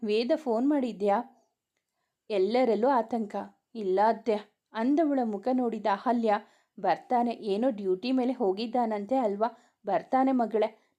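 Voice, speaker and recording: A woman reading a romantic serial story aloud, with soft, even narration and plain voices for the dialogue. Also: on the high side.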